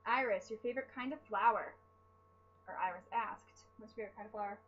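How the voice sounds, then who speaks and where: Tired from lack of sleep, a young woman chats casually to camera as she answers fan questions, rambling and putting herself down. She talks quickly at medium pitch, and the audio sounds dull.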